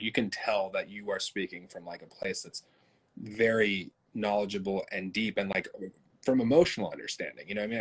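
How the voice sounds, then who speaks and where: A man hosting an interview, talking in an animated way with many fillers. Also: fairly low pitch, husky. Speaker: host. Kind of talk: conversational interview.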